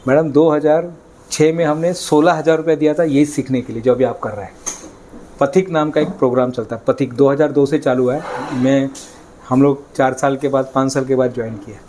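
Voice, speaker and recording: A man's voice: mid-range voice, steady tone, a little fast, darkish tone, a little hiss or hum. A man leading a live sales training session, coaxing the audience with energy and getting them to chant lines.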